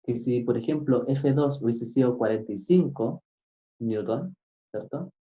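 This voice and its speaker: A man teaching physics, explaining a problem step by step and often pausing to ask his students if they follow. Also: mid-range voice, dark tone. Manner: keeps asking "right?" to check understanding; patient, step-by-step. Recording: dull lo-fi recording.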